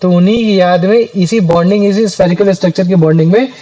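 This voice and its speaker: A man's voice: sits high, quick pace, dark tone, muffled recording. A man teaching a chemistry class, talking casually to his students and asking them questions. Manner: chatty, calls students "bhaiya".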